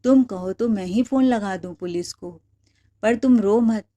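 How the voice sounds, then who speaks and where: A woman's voice: medium pitch, a little slow, dark tone, natural voice. Spiteful young sister-in-law, sneering and goading, voiced by a woman narrator. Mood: sly.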